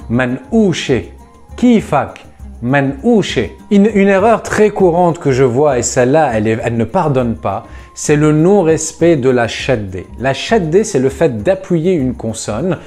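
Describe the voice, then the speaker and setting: A man teaching a language lesson to viewers, explaining patiently and slowing down to spell out words, with a lively, enthusiastic delivery. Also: fairly high pitch, soft background music. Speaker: Lebanese Arabic teacher.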